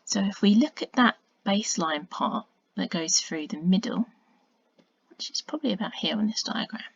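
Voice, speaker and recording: A woman teaching through a recorded video lesson, patient and explanatory, dropping into quiet muttered asides as she draws on diagrams. Her voice sits at an ordinary pitch for a woman. The recording is dry, dull and a little lo-fi. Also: expressive, normal speed, creaky, husky, no room sound. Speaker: science teacher.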